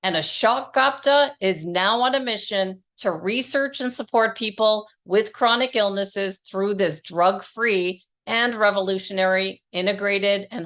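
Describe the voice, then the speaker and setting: A woman podcast host, born in England, reading a scripted introduction and then interviewing a guest in a measured, enthusiastic manner. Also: medium pitch, fairly bright tone.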